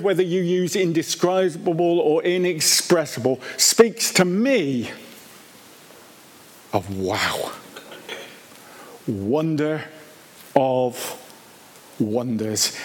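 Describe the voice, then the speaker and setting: A man preaching a sermon at a baptism service, emphatic and deliberate, repeating key phrases and asking rhetorical questions. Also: a little high.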